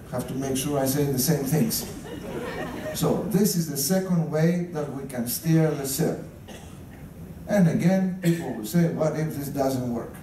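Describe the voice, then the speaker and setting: Slow-talking Greek-accented man, echoey and distant. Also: a little high, background noise. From Greece. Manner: joking, chuckles at his own punchlines. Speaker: ship captain giving a tour talk. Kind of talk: humorous guided talk to guests. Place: ship's bridge, indoors. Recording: echoey room, from far off.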